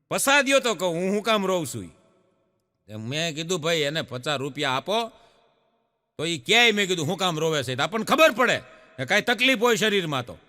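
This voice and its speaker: A man's voice: fairly high pitch, normal speed, pauses often, in a large hall. A man telling folk jokes on stage, acting out the voices of the people in his stories. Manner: lively storyteller, acts out characters' voices. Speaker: stand-up joke teller.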